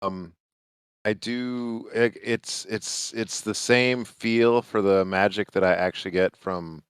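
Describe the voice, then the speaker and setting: A man with a very low, smooth voice plays a tabletop fantasy game in character. He speaks slowly and haltingly, in a mild, casual manner. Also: steady tone, dry recording, studio quality. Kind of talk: casual in-character role-play.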